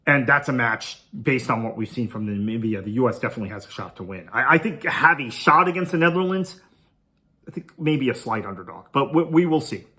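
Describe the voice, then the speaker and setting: On his podcast, a man who grew up speaking Tamil talks through an upcoming cricket match alone, casually thinking as he goes. The voice is mid-range, pushed and bright, fairly quick, with lively intonation.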